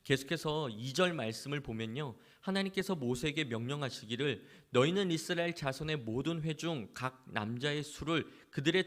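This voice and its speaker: A man's voice: a little high, fairly bright tone. A male pastor delivering an emphatic sermon to his congregation, pressing his points with repeated exhortations.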